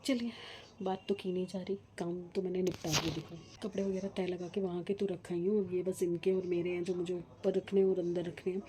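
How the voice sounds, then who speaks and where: A middle-aged woman chatting casually in a home vlog, talking slowly and with effort because of a painful tooth. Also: on the low side, flat delivery, mellow. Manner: chatty, rambling about household matters. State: speaking slowly from tooth pain. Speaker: vlogger. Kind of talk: casual daily vlog chat.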